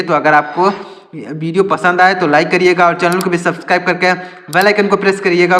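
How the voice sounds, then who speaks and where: A man's voice: high voice, fairly bright tone. A man teaching English to beginners, asking questions and answering them himself and repeating key words. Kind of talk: Hindi-language English lesson for beginners. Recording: echoey room with long reverb.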